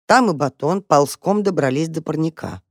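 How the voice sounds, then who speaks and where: A narrator reading a children's story aloud in an expressive, measured way. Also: mid-range voice, no echo, studio quality.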